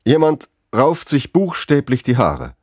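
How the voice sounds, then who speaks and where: A man's voice: mid-range voice, huge pitch swings, unhurried, no echo, studio quality, pitched above the performer's own voice. A man reading aloud as a flustered election-night TV moderator trying hard to keep his composure. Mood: stunned. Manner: strained, struggling for composure.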